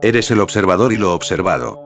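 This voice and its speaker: Low-pitched male narrator for a meditative teaching script, steady and instructive, faint music bed. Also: brisk. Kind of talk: scripted narration of a spiritual talk. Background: faint background music.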